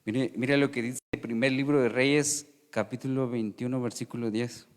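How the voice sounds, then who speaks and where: A man with a Guatemalan Spanish accent preaching a sermon, calling his listeners "hermano" and moving between loud emphasis and hushed asides. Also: mid-range voice, steady tone, moderate pace, clear, resonant tone, big-room sound.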